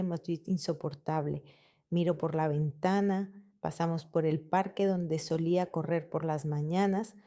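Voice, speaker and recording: A woman narrates a scripted first-person story in a calm, measured way. Her voice sits fairly low and sounds mellow and warm.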